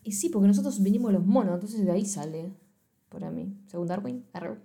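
A woman's voice: medium pitch, quick pace, vocal fry, warm tone. A young woman with a Rioplatense accent, co-hosting a casual chat, teasing her friend and reading sayings aloud. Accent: Rioplatense Spanish. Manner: teasing, reads sayings aloud, laughs often. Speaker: podcast co-host.

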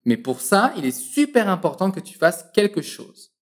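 A woman teaches French, coaxing the listener to repeat each phrase after her. Her voice is low and her intonation swoops lively. She drills each phrase slowly and precisely. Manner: encouraging, slow and precise drilling.

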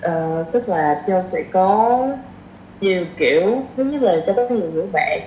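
With an expressive, mid-range voice at a moderate pace, a woman in her 20s chats informally on a podcast. Her southern Vietnamese accent comes through alongside English slang, and the casual interview has a roomy, dull sound with faint noise.

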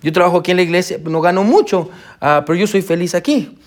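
A young man preaching a sermon to his congregation, halting with fillers and repeated words and often saying amen. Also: high-pitched. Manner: addresses the congregation as brother and sisters.

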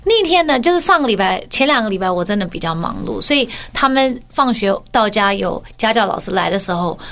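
A woman chatting as podcast co-host, telling a lively story and dropping English words in. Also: mid-range voice, brisk. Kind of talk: casual chat.

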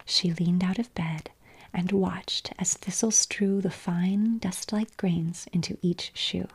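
A woman reading a storybook aloud in a slow, hushed whispered storytelling style. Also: on the low side, steady tone, breathy edge.

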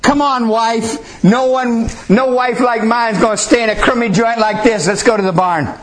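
A man's voice: steady tone, normal speed, a little hiss or hum. A man doing an indignant boy playing Joseph. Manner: indignant, high put-on voice.

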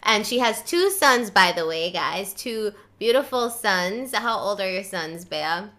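A woman's voice: mid-range voice, expressive, a little slow, a bit bright. A woman hosting a podcast interview, asking questions in an effusive, enthusiastic way. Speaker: podcast host. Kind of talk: conversational interview.

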